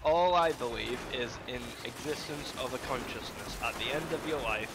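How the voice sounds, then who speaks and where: A man streamer chatting casually while gaming, breaking into quick outbursts and laughs at the game. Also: medium pitch, background noise. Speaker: streamer and channel host. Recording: game music playing behind.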